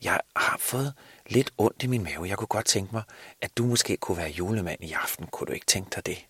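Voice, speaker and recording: Storybook Santa, old and kindly, encouraging coach, booming and husky, put on by a man. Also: animated, fairly bright tone, dry recording, exaggerated voice.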